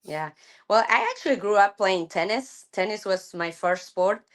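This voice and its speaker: A middle-aged woman from Argentina, a softball coach chatting thoughtfully in an interview, with many fillers and restarts. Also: medium pitch, animated, moderate pace. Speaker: college softball head coach. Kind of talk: casual interview chat.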